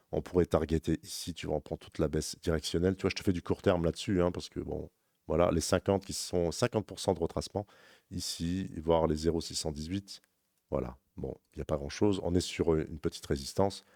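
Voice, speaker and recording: A man talking rapidly and informally as a crypto trading analyst, walking the viewer through charts in a rambling, self-correcting way. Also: deep voice, warm tone, no echo, studio quality. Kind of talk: casual chart walkthrough addressing viewer as tu.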